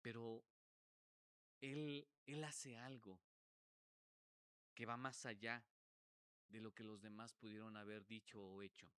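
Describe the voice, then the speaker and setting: Man, preaching, smooth clear voice, dry close sound, repeats phrases. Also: dry recording. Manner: earnest preaching, swings from loud cries to hushed low asides; repeats words and restarts phrases. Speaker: pastor. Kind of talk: sermon.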